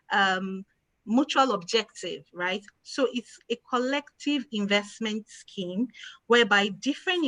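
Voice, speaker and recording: A woman's voice: medium pitch, bright, forceful tone, dry recording, low-quality recording. A woman, answering audience questions as an investment expert, patient and plain, stressing key words. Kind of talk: explanatory Q&A answers.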